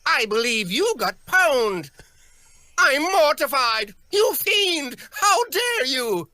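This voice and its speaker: Campy gothic vampire from a game, pompous, swoops all over, sharp bright voice. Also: male voice, very high voice, sing-song, slow, no echo, full character voice. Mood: haughty outrage. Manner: pompous, theatrical declaiming. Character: pompous, theatrical male gothic vampire villain. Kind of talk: video game character catchphrases.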